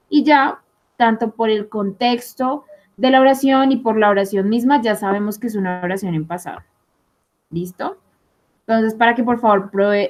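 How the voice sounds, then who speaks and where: A young adult woman teaching English grammar in an online class, explaining step by step and often pausing to ask her students whether they follow. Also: fairly high pitch, a little mellow. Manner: explanatory, asks rhetorical checks like "¿listo?" and "¿sí?".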